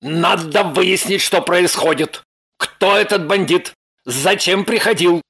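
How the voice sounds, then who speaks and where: A demanding man on the run in an audiobook, as voiced by a male actor. His voice is husky and slightly high, and he talks in blunt, insistent orders. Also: takes it slowly, fairly bright tone, full character voice. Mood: insistent, bossy. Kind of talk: audiobook character voice.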